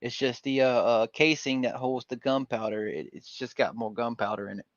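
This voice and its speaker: A Georgia man hosts a casual livestream panel, rambling in a folksy way with lots of fillers. His mid-range voice stays steady at a moderate pace, and the stream audio is dull, lo-fi and dry with no echo.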